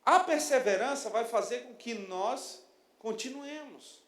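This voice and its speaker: A man in his thirties preaching a sermon as pastor, lively and storytelling, acting out little quotes. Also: very high-pitched, unhurried. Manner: animated preaching with acted-out quotes. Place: church sanctuary. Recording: echoey church hall.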